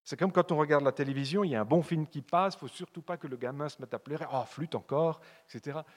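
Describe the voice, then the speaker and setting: A man with a Swiss French accent preaching a fervent sermon in church, repeating phrases and swinging from loud appeals to soft, low asides. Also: fast. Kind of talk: evangelistic sermon. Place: church hall. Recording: long hall reverb.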